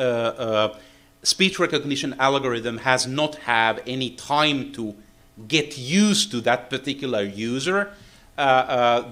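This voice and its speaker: A native Finnish-speaking man from Finland delivers a technical seminar lecture in English with a Finnish accent. His medium-pitched, fairly bright voice comes out haltingly, with frequent "uh, uh" pauses.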